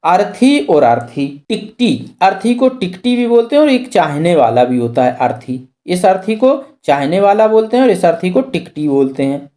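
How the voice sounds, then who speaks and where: Teacher, exam practice lesson, step by step, asks then answers, dark mellow voice. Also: medium pitch, big pitch swings, moderate pace, few pauses. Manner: explains step by step, repeating key terms. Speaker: Hindi grammar teacher.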